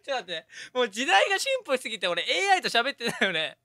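A man hosting a game stream in an animated, teasing way and laughing often. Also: very high voice, very fast, no echo, studio quality. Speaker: host.

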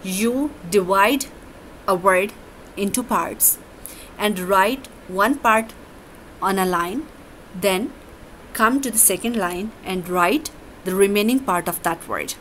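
A woman teaches grammar at a painstakingly slow pace, drawing out each word. Her pitch sits in an ordinary middle range, and faint room ambience hums behind her. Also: fairly bright tone, a little hiss or hum, low-quality recording. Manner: slow, deliberate explanations, switching between English and Urdu. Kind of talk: classroom grammar lesson.

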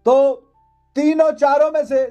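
A man's voice: very high-pitched, little pitch movement, measured pace, mellow, dull audio, faint music behind. A man, giving sarcastic cricket commentary in a studio, mocking and repeating phrases for emphasis. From Pakistan. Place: indoor studio.

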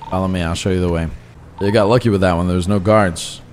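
A man's voice: sits low, fairly even intonation, fast, a little mellow, slight background noise. A man role-playing a crew boss in a live game stream, bossy and joking, giving his crew pep talks.

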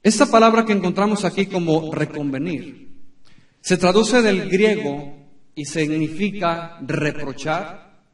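A man's voice: high voice, fairly bright tone. Emphatic preaching man, echoey church. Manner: emphatic preaching with dramatic pauses and repetition. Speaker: pastor. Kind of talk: sermon. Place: church sanctuary. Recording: echoey room from a distance.

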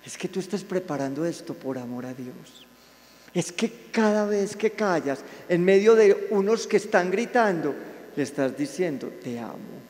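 A man, a Franciscan friar giving a sermon to a live audience, warm and playful, with sudden soft, intimate asides. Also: sits high, lively intonation, normal speed. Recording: reverberant hall sound.

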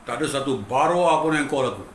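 A man's voice: mid-range voice, fast, a little hiss or hum. A middle-aged Malaysian man with a Malaysian accent, a guitarist telling his own story in an emotional, emphatic way and often addressing the listener as "bang". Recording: roomy echo with faint ambience.

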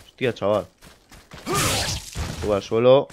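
A young man giving casual let's play commentary, excitable and quick to swear. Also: fairly low pitch, background noise. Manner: excitable, swears, laughs at scares. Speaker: gamer.

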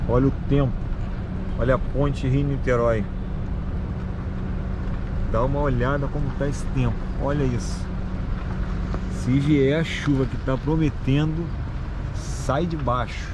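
A man's voice: mid-range voice, steady tone, a little slow, long pauses. A man, casually vlogging from inside his car as a rideshare driver and talking straight to his viewers. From Brazil. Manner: chatty, addresses viewers directly. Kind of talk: casual driving vlog. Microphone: camera on dashboard. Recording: loud car and street noise.

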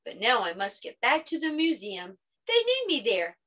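A woman's voice: a little high, wildly swooping pitch, normal speed, a bit bright, heavily acted. A woman voicing a friendly, agreeable, very old male pet dinosaur in a storybook, polite and good-natured.

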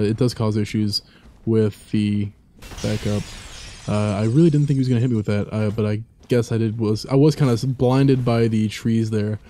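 Man, young adult, mellow low-key tone, casual game commentary, rambling with fillers. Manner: rambling, many fillers and asides. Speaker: let's play commentator.

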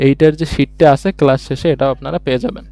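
A man's voice: medium pitch, steady tone, rapid-fire, gravelly, mellow, no room sound, faint music behind. A man teaching a beginners' language lesson online, explaining each step patiently and answering his own questions as he goes. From Bangladesh.

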